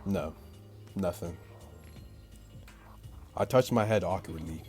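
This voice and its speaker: Here another let's play unfolds: a YouTuber reads a visual novel out loud over its music, adding jokey, slang-filled remarks. He speaks slowly in a low voice with a somewhat dark tone.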